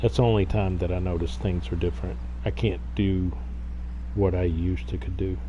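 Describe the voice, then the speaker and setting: A man's voice: sits low, steady tone, normal speed, muffled recording, background noise. A man in his fifties chatting casually while co-playing a farming game, laid-back and musing. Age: 50s. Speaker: co-player.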